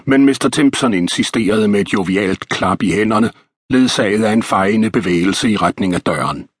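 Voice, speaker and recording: A man reading a historical novel as an audiobook narrator, in a measured, even storytelling manner. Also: lowish voice, breathy edge, no room sound, clean studio sound.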